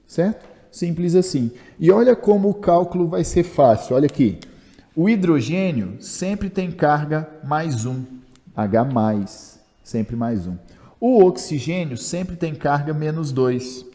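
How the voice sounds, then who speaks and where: Chatty Brazilian chemistry teacher, mellow voice. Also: male voice, fairly high pitch, big-room sound. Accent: Brazilian Portuguese. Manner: chatty, asks questions and answers them himself; jokey and self-mocking. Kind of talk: video lesson explaining step by step.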